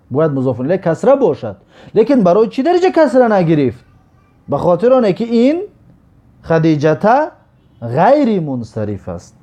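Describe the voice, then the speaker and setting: Lively-pitched man teaching grammar slowly. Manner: explains step by step, repeats each example slowly. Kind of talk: recorded grammar lesson.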